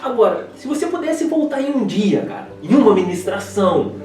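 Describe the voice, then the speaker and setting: A man hosting a casual interview, chatty and laughing, with quick reactions. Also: high-pitched, big pitch swings, mellow. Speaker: host. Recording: echoey room from far off, faint music.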